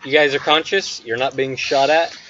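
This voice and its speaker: Matter-of-fact man, medium pitch. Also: steady tone, normal speed, background noise. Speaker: game master. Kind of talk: casual narration of a tabletop game. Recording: dull lo-fi group session audio.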